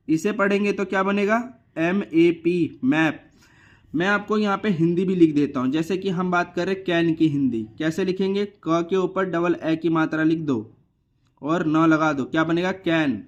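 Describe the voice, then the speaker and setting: A man teaching English vowel sounds, asking a question and answering it himself, repeating each word slowly. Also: sits high. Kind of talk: phonics lesson for beginners.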